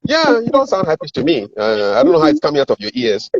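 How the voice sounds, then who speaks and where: His pitch is fairly high and swoops wildly as he talks fast over background noise. He's a middle-aged Ghanaian-accented communications and sales coach in a casual interview, explaining, acting out example dialogue and repeating words for emphasis, with roomy echo and dull lo-fi audio.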